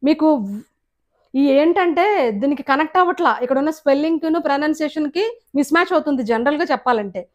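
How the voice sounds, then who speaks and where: A high-pitched woman teaching English pronunciation with a Telugu accent. She talks patiently, stretching out words and repeating each sound so students can copy it. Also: expressive, fairly quick. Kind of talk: explanatory lesson on pronunciation.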